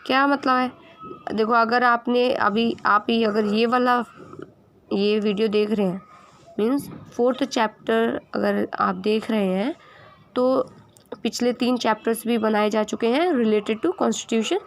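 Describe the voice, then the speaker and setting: Female teacher, a bit hoarse and gravelly, slightly high voice, casual lesson that answers its own questions. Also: unhurried. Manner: asks herself questions and answers them; mixes in English words. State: sore throat.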